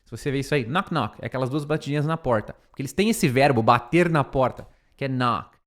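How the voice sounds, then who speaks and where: A man with a Brazilian Portuguese accent teaching an English lesson, explaining in Portuguese and slowly repeating English words to drill pronunciation. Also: medium pitch.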